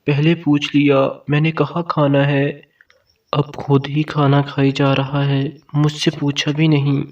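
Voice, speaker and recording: A man's voice: fairly high pitch, level tone, close to an everyday voice. A shy young bride, read by a male narrator. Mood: hurt. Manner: quiet, hesitant. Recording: dull, distant mic sound.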